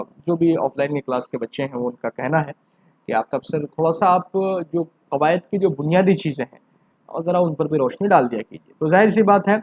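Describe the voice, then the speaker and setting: An Urdu teacher gives an exam-prep grammar lesson, his voice a little mellow. He poses rhetorical questions and answers them himself, climbing to emphatic questions before dropping low.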